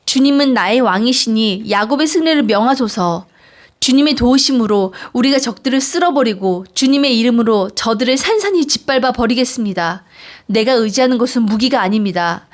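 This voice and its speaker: Earnest woman reading scripture aloud. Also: on the high side. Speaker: Bible reader.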